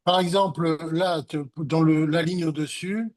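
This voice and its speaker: A man's voice: on the high side, steady tone, unhurried, darkish tone. A man taking part in an online Hebrew class as a student, working through the rule aloud and checking it with the teacher. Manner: asks and confirms, thinks aloud. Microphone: video call.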